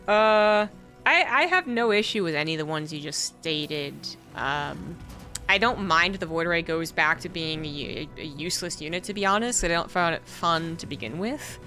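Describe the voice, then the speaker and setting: A woman's voice: lowish voice, animated, moderate pace, bright, forceful tone, soft background music. A woman commenting on an esports match, talking through her views in a thoughtful, casual way with many fillers. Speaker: esports caster. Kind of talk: casual game commentary and analysis.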